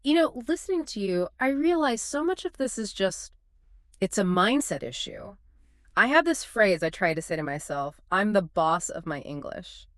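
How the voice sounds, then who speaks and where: A woman co-hosting a scripted conversational chat, reacting in an expressive, self-deprecating way. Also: mid-range voice, moderate pace, dry recording, studio quality. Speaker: co-host.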